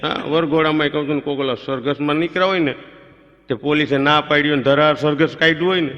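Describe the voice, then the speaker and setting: A man telling a lively, rustic comic story on stage and acting out the voices of the people in it. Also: on the high side, quick pace, muffled recording. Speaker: stand-up comedian. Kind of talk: comic storytelling before a live audience. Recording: live stage recording in a reverberant hall.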